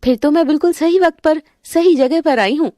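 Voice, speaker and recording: Friendly cartoon customer done by a woman, brisk, high voice. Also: mellow, dry recording, clean studio sound, lightly acted.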